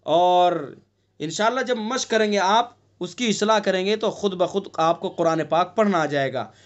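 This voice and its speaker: A male recitation teacher giving an online lesson, explaining patiently and breaking into long drawn-out chanted recitation. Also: high voice, lo-fi sound. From India.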